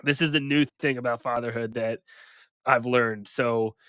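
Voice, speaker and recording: A man's voice: mid-range voice, steady tone, moderate pace, a bit bright, smooth, dry recording. Sick male podcast co-host, nasal and congested, self-deprecating, dry close mic. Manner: self-mocking, laughing between points. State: sick with a head cold, nasal. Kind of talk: casual sports chat.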